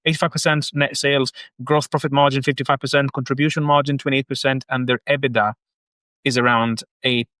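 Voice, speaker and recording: A man's voice: medium pitch, level tone, fairly quick, pushed and bright, no room sound. A man from Egypt in his thirties, a guest on a business podcast, explaining his work earnestly step by step. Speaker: guest, marketing agency founder. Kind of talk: casual podcast interview.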